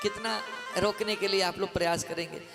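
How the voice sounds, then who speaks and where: A man voicing a gentle, patient divine prince in a sung-story sermon, calmly pleading to be let go. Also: high-pitched, brisk, vocal fry. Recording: live katha with music behind.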